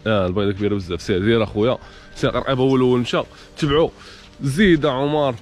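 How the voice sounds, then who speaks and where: A young man with a Moroccan accent hosting a challenge game, urging the players on with rapid repeated calls and frequent laughter. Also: mid-range voice, soft background music. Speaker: host running a challenge game. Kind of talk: energetic game commentary.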